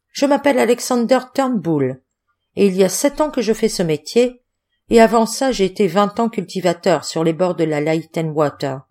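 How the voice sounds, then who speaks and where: A woman voicing a hungover, grumbling middle-aged male roadman who whines and complains loudly in an audiobook. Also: on the low side. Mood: relieved, chatty. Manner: whining, complaining, loud.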